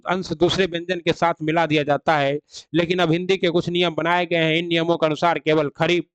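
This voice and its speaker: A man's voice: fairly high pitch, fairly bright tone, smooth, no room sound. A man teaching Hindi grammar in an online exam-prep lecture, explaining rules and asking himself rhetorical questions.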